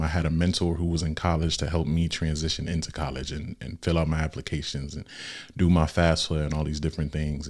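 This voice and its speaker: A young man hosting a faith podcast, talking in a relaxed, conversational way with casual slang. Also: rumbling low. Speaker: podcast host.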